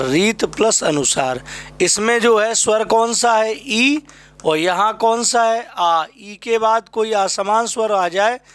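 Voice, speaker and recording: A man's voice: high-pitched, a bit bright. A man teaching an exam-prep spelling class, repeating each word and quizzing his students. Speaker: Hindi teacher.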